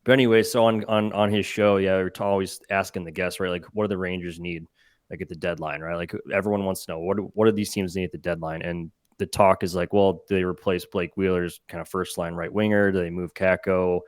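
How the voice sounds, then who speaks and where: A man's voice: deep voice, quick pace, no echo, clean studio sound. A young man talking as a guest on a sports podcast, telling stories casually and acting out what people said. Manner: animated, acts out quotes in his stories. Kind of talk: casual storytelling.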